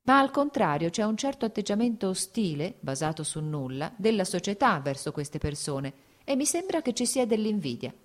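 A woman's voice: mid-range voice, sing-song, moderate pace, hardly any pauses, voice pushed up. A woman voicing an earnest, brooding male landowner who argues his point in an audiobook reading. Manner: earnest, argumentative.

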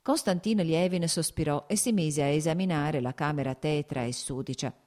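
A woman narrating a classic novel in steady, measured scripted narration. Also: low voice. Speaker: audiobook narrator.

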